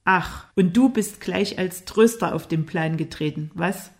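A woman voicing an angry, jealous young man who speaks loudly and with hostile taunts, in an audiobook. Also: lowish voice, measured pace. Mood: taunting.

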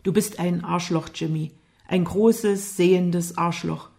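A woman voicing a blind young man who talks in a steady, measured way, in an audiobook. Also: fairly low pitch, creaky. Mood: restrained.

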